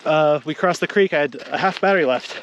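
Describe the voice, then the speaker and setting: A man filming himself as he hikes outdoors, out of breath and exclaiming excitedly on a handheld camera mic. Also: a little high, fast, a little hiss or hum. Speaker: vlogger exploring ruins. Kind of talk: excited on-the-spot hiking commentary. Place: outdoors on a hilltop.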